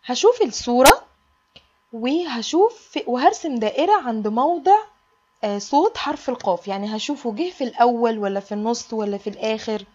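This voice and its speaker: A woman's voice: a little high, expressive, a little fast, a little mellow, dull audio, a little hiss or hum. A woman with an Egyptian Arabic accent, teaching a kindergarten alphabet lesson in a sing-song way and stretching out the letter sounds for small children.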